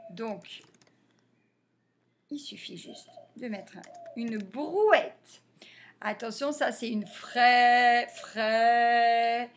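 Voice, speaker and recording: A woman teacher giving a reading lesson to young children, sounding out letters and syllables slowly and clearly. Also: fairly high pitch, big pitch swings, a little hiss or hum. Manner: slow, over-articulated sounding out of letters.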